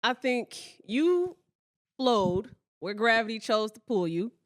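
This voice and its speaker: A woman's voice: a little high, big pitch swings, takes it slowly, no room sound, clean studio sound. A woman hosting a podcast in casual chat who talks bluntly, swears freely and teases her guests with affection. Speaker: podcast host.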